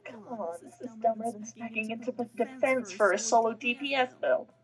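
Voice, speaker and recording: Brief: woman player, sarcastic and exasperated, slightly high voice. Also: a little fast, poor audio. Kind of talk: casual game play chat.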